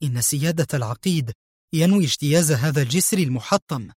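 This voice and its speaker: A man voicing a tense young woman in an audio story, speaking quickly and nervously. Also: a little high, lively intonation, darkish tone, slightly rough, no echo, clean studio sound.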